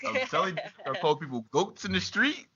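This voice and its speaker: A man hosting a podcast, energetic and joking as he wraps up an interview. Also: on the high side, fast, highs cut off, crowd noise. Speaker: podcast host. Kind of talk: casual podcast chat.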